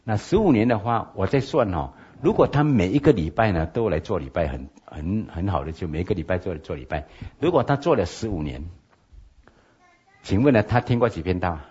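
A man's voice: deep voice, sing-song, fairly quick, a little mellow, breathy edge. A man who is a pastor, teaching a lecture on logical fallacies, often checking in with his listeners. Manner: asks listeners for assent with frequent OK. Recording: dull lo-fi lecture recording.

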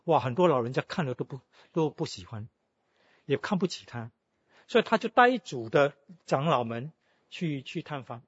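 A male pastor delivers a sermon, an animated storyteller who punctuates his telling with exclamations. His voice is slightly husky and fairly high for a man, with a dry, dull and lo-fi sound. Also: moderate pace, no room sound.

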